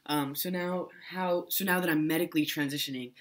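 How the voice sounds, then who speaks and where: A man's voice: a little high, steady tone, brisk. A young man talking casually to camera in a vlog, rambling with restarts and fillers. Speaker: vlogger.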